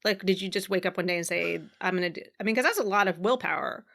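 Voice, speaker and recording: Measured woman podcast co-host. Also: lowish voice, gravelly, fairly bright tone. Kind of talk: casual conversation.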